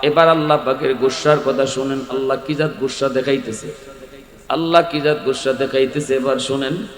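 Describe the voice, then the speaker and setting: Sylheti preacher in an echoing hall. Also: male voice, medium pitch, steady tone, moderate pace. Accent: Sylheti Bengali. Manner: sing-song preaching, swings from shouted peaks to quiet storytelling. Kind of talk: sermon. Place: large outdoor or hall religious gathering. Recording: echoey hall with long reverb.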